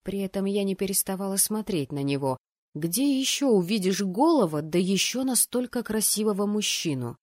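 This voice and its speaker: A woman narrating a first-person fantasy story aloud, acting out the characters' lines with lively changes of voice. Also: moderate pace, no room sound, studio quality. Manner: voices the rowdy students' shouts with bursts of pitch and volume. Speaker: audiobook narrator.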